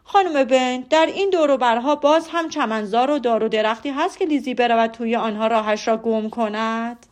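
Woman doing a friendly upbeat young gentleman, playful, high-ish voice, audiobook. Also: very animated. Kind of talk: audiobook character voice.

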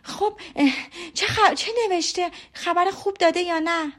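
A woman playing an eager young daughter, high and pressing. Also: darkish tone, close to an everyday voice. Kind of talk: audiobook character voice.

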